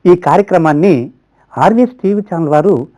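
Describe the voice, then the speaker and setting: A ventriloquist plays the straight man in his own act, patiently questioning his puppet. His fairly high voice rises and falls a lot. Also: animated, normal speed, dark tone, lo-fi sound.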